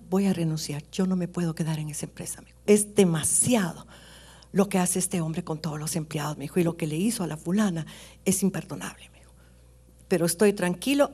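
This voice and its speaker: A middle-aged woman preaching a sermon, swinging between loud, high exclamations and hushed whispers as she tells stories.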